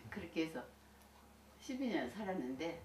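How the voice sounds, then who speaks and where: A woman's voice: low voice, very animated, moderate pace, a little mellow. An older woman, a senior Buddhist minister, telling stories from her life in a folksy, chatty way with frequent laughter. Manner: folksy and chatty, laughs often, many restarts. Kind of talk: recounting life experiences to listeners. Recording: echoey room, distant mic, faint hiss.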